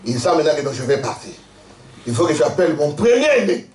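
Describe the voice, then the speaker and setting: A man preaching in an echoey church hall, his high voice leaping up and down as he tells animated stories. He laughs often and slips into the voices of his characters while the congregation answers him. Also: brisk, a little hiss or hum. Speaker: pastor. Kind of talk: lively sermon with congregation responses. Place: church in Brussels.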